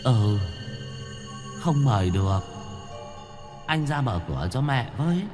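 A man voicing a female ghost that poses as an old mother, speaking softly and pleadingly at a door in a spoken ghost story. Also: medium pitch, animated, takes it slowly, long reverb tail, music in the background. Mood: soft evasive. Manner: soft, sweet and pleading. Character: ghost posing as an old mother, coaxing then wailing.

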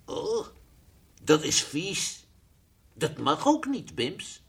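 A man voicing a playful, fussy toy lion in an old radio play, teasing at times and gently coaxing at others. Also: on the high side, big pitch swings, drawn-out words, vocal fry, slightly rough, exaggerated voice. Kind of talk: 1960s radio drama acting.

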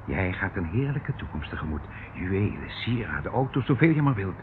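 In a Dutch radio play, a male actor with a low, sing-song, fairly quick voice plays an unctuous, evasive uncle who holds someone captive. Pompously cultured and falsely doting, the uncle patronises, dodges every question, rambles, and chuckles theatrically. The old recording sounds tinny and hissy.

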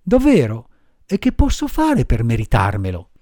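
A man voicing a lively, impulsive wooden puppet boy, raising his voice high for an audiobook reading. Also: moderate pace, no room sound, clean studio sound. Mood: pleading. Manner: high excitable voice, jumping up for emphasis. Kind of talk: audiobook character voice.

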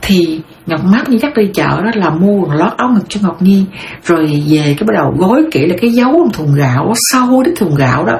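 A woman's voice: fairly low pitch, lively intonation, fairly quick, darkish tone. A middle-aged woman from southern Vietnam with a Southern Vietnamese accent. She tells her life story in a rambling, heartfelt way and calls herself by her own name. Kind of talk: personal storytelling monologue. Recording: roomy sound with faint background noise.

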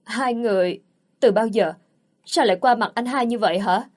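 A woman's voice: a little high, normal speed, a little mellow, natural voice. A woman reading the part of a self-righteous young woman who scolds and accuses. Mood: scornful.

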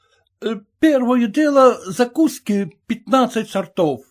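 A man voicing a courteous, obliging male French restaurateur who speaks slowly. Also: very high voice, expressive, pitched above the performer's own voice, full character voice. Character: polite smooth-talking male French restaurateur.

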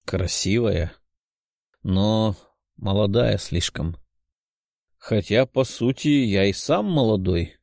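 Brooding young demon lord with a low mutter, played by a man, dry close sound. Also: expressive, slow, gravelly, long pauses, darkish tone, no room sound, exaggerated voice. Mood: musing.

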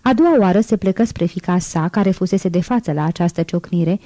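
Woman reading an audiobook, low mellow voice. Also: no room sound. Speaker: audiobook reader. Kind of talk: audiobook narration.

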